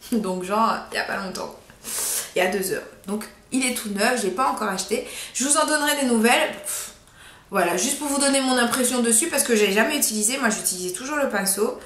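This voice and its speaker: A young woman chatting casually in a haul video, giggly and chatty, dropping into soft asides. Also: fairly high pitch, brisk. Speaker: beauty vlogger. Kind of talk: casual haul vlog chat. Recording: echoey room.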